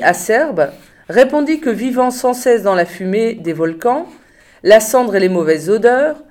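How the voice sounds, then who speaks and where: A woman reading a novel aloud in a steady, measured way. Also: on the high side. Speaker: reader of a novel.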